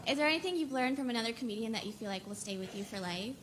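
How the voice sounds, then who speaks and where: A woman's voice: fairly high pitch, lively intonation, racing. A woman in her twenties in an audience, asking a comedian a question hesitantly, with fillers. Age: 20s. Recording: distant voice with loud background noise.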